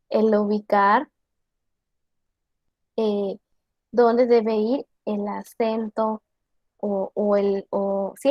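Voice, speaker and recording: A woman teacher giving an online class, explaining slowly and deliberately and asking her students questions. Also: on the high side, no room sound, dull audio.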